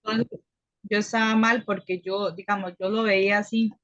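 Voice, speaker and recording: A woman's voice: mid-range voice, flat delivery, moderate pace, a bit bright, no room sound. A woman student asking questions in class, hesitant and searching for words. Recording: dry, lo-fi sound.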